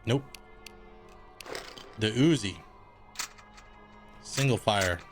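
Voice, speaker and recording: A man streams a video game in a low-ish voice, speaking very slowly as faint music plays in the background. He chats casually, thinks out loud and swears freely.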